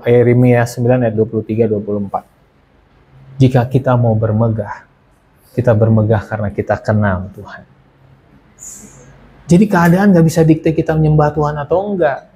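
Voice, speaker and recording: A man's voice: on the high side, dark tone, breathy edge. A man giving a casual sermon and personal testimony, often asking and answering his own questions. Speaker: preacher sharing testimony.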